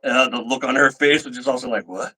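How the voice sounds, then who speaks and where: A man's voice: mid-range voice, fairly quick, slightly rough, poor audio. A middle-aged man casually telling stories to his livestream viewers, acting out the people he quotes. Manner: animated, acts out quoted lines. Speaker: livestream host. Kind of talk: casual storytelling chat.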